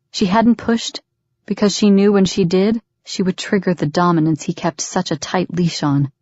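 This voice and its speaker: A woman narrates an audiobook in a steady, measured way, her voice sitting low. The sound is dull and lo-fi, close and dry with no room echo. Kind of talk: scripted narration.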